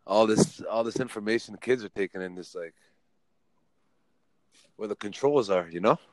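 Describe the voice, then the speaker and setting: A man's voice: fairly low pitch, moderate pace, no echo, poor audio. A man in his forties hosting a casual podcast chat, laid-back and teasing, laughing often. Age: 40s.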